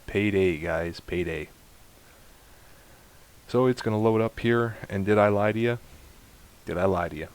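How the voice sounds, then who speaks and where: A man narrating a space game walkthrough, explaining steps to viewers in a chatty, instructive way and getting excited at times. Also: deep voice. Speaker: gaming YouTuber. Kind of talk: let's play walkthrough commentary.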